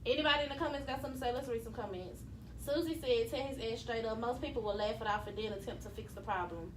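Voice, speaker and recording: A woman hosting a casual podcast chat, animated and quick to laugh, reading out listener comments. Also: fairly high pitch, roomy sound, a little hiss or hum. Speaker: podcast host.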